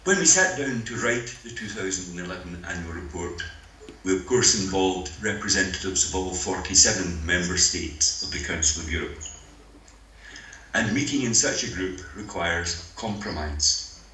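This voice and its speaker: An older Scottish man speaking by video link at a conference, lecturing in a measured, dryly humorous way. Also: sits low, bright, forceful tone. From Scotland. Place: meeting room, voice played over speakers. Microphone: video call. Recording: roomy hall with faint noise.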